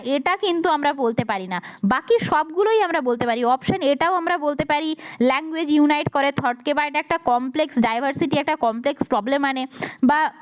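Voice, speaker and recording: A woman teaching an exam prep lesson. She reads English questions slowly, then explains each option in simpler words. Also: high-pitched, rough recording.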